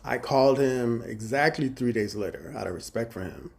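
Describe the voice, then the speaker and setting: A man's voice: mid-range voice, expressive, moderate pace, gravelly. A man telling a story from his banking job on a casual live stream, swearing freely and acting out both sides of each conversation. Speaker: livestreamer telling a work story.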